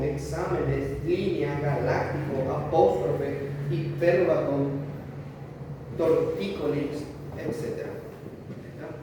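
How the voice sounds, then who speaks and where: A man teaching a class slowly, repeating points and checking understanding. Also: on the high side, dark tone. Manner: slow, repetitive, checks understanding often. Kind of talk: classroom lesson. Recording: echoey room from far off, faint noise.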